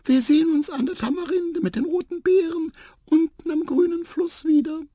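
A man voicing a tiny cheerful female mouse in a children's radio story, in a chirpy, squeaky voice. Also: moderate pace, mellow, no room sound, studio quality. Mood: fond.

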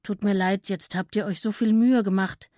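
A woman's voice: mid-range voice, fairly even intonation, normal speed, dark tone, no room sound, clean studio sound, natural voice. A woman reading a storybook and voicing a timid, hopeful little boy elephant in an earnest, slightly anxious way. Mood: apologetic.

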